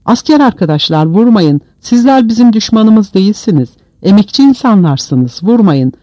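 A man's voice: high-pitched, animated, normal speed, warm tone, no echo, pitched above the performer's own voice. A man voicing a beaten male revolutionary inmate who pleads with soldiers not to hit him. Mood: pleading. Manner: pleading, repetitive.

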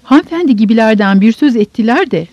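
A woman voicing a meek, gentle, simple village man who speaks timidly and mildly, in a dull, dry audiobook recording. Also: on the high side, lively intonation, quick pace, no echo. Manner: timid, mild, hesitant.

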